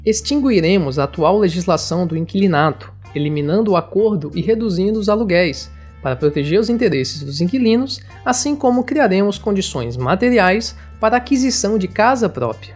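A narrator with a husky voice, reading a political manifesto in formal, measured declamation. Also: mid-range voice, animated, darkish tone. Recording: music behind the voice. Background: instrumental music.

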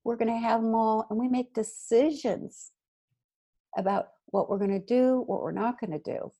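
Woman, parenting guest; husky, slightly gravelly voice, lively chat, voices little dialogues. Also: a little high, normal speed. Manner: animated, acts out quoted dialogue. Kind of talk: casual advice chat.

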